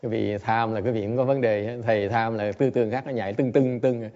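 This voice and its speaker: Male Zen teacher, low warm voice, gives a temple dharma talk in two languages. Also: fairly even intonation, a little fast, highs cut off. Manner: repeats each point in two languages, with chuckling asides. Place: temple Buddha hall.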